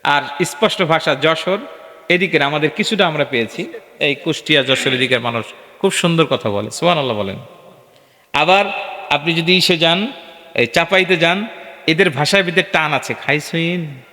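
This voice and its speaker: A male preacher giving an animated sermon at a gathering, asking the crowd questions and chanting verses in a sung tone. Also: a little high, normal speed, long pauses. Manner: animated, asks the crowd questions and calls for responses. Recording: echoey hall with long reverb.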